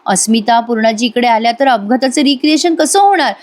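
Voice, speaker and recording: A woman's voice: sits high, fairly quick, pitched above the performer's own voice, natural voice. A woman voicing an anxious, insistent young wife. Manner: worried, urgent.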